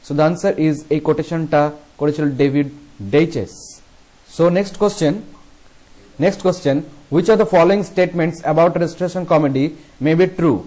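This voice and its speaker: Young male tutor with a Bengali accent, slightly high voice, slow unhurried reading of exam questions, mixes Bengali and English. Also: mellow. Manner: switches between Bengali and English; reads questions slowly, explains in quick bursts. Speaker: teacher.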